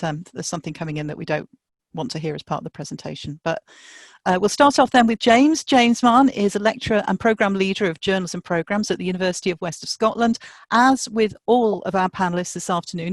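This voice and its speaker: A woman's voice: on the low side, dry recording. A woman co-chairing an online conference, doing informal introductions and housekeeping in a chatty, hesitant way over a video call. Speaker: conference co-chair and session host. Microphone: video call microphone.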